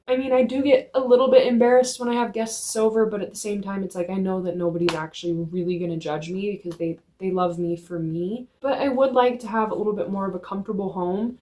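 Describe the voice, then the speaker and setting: A woman's voice: mid-range voice, darkish tone. A young woman talking to camera in a casual vlog, chatty and earnest with lots of "like", filmed on a phone on a tripod in a dim room at home. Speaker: vlogger. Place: dim room in her apartment.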